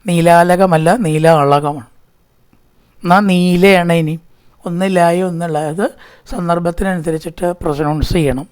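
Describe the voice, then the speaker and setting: A man giving a scripture discourse. He intones each Sanskrit verse slowly and deliberately, then drops into an easy, talkative way of explaining its meaning. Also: sits high, fairly even intonation, a little mellow. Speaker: scripture teacher.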